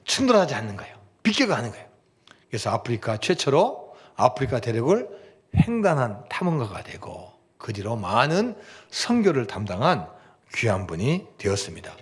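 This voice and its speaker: A man preaching a sermon as pastor, animated, acting out prayers and answers and often dropping to a hush. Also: mid-range voice, moderate pace, slightly rough. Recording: church sermon recording.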